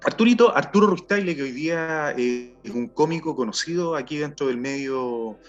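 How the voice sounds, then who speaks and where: A middle-aged Chilean man telling his personal testimony in an earnest, halting way, often repeating words as he searches for them. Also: on the high side, animated. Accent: Chilean Spanish. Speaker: testimony speaker. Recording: dull sound with faint music behind.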